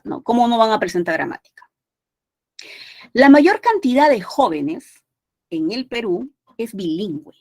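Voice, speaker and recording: This language teacher from Peru speaks in a fairly high voice with a Peruvian Spanish accent, delivering exam prep material conversationally. She restarts often and leans on tag questions, recorded with no room sound.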